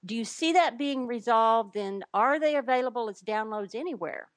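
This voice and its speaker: A woman host reads listener questions aloud at a measured, deliberate pace. Her voice is on the higher side, and the recording is dry and close. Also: no echo. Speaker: interviewer.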